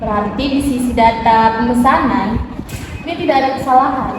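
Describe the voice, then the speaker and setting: A helpful young sales staffer played by a woman speaks matter-of-factly in a fairly high voice. The amateur role-play sounds distant in a very echoey room. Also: brisk, noisy background, close to an everyday voice.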